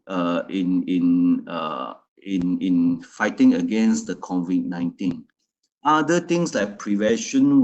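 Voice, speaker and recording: A man's voice: lowish voice, darkish tone. A man presenting a product in a loose, repetitive way, often restarting his phrases.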